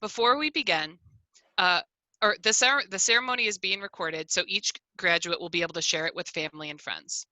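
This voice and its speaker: A woman's voice: fairly low pitch, a little fast, bright, forceful tone, no room sound, poor audio. A woman hosting a virtual commencement on a video call, reading a formal, earnest welcome with small restarts. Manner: earnest, reads prepared remarks with small restarts. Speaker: ceremony host.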